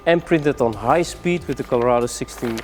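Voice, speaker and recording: A man giving a rushed product demonstration, moving between samples with many fillers and saying he is out of breath. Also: medium pitch, over music. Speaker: product presenter.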